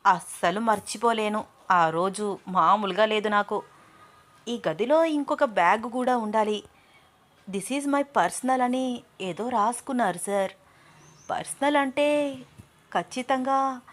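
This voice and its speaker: A woman voicing a bold, quick-tongued young woman in an audio story, teasing and sharp-spoken. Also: medium pitch, lightly acted. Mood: curious, playful. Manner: teasing, then sharp and scolding.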